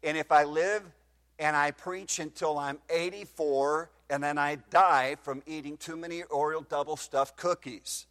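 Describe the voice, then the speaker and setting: Speaking a little slowly in a steady, somewhat bright, fairly high voice, a man in his fifties preaches into a microphone in a slightly echoey church hall. He quotes scripture in King James wording and asks the congregation questions.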